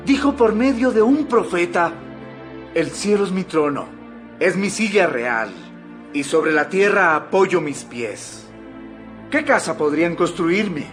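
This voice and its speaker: Impassioned high-voiced preacher Stephen. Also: male voice. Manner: oratorical, emphatic, declamatory. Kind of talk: dramatized audio Bible acting. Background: background music.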